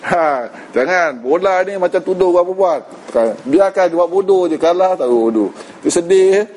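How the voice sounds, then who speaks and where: High-voiced Malaysian man giving a chatty religious talk. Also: animated, normal speed, darkish tone, poor audio. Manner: conversational, mixes English words, frequent "kan?" tag questions. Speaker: religious teacher. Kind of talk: informal religious lecture.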